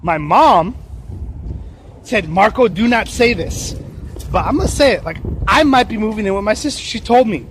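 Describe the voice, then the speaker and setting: A man's voice: sits high, very animated, normal speed, slight background noise. A man hosting his own podcast, chatting outdoors at a plaza in a rambling, dramatic, oversharing way. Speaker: podcast host. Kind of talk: casual outdoor vlog chat.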